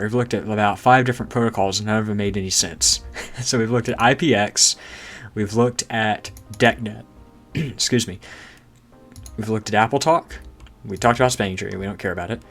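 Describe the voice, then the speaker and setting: The host of this tech channel is a man whose fairly low, somewhat bright voice is run through a changer that makes it sound synthesized and robotic. He gives a laid-back walkthrough of a screen, asking rhetorical questions and finding the obscure jargon funny.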